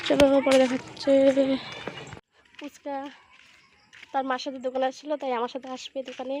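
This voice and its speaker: A chatty woman with a high voice narrates her day to viewers while she does her chores. Steady noise from the house sits behind her voice on a phone camera. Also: a little fast. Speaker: vlogger and mother. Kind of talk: casual daily-life vlog narration. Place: at home.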